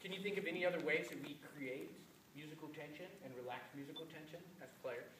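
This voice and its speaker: A man's voice: fairly high pitch, fast. Man teaching a music master class. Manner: energetic, explanatory, asks students questions. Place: concert hall or classroom. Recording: echoey room from a distant mic with noise.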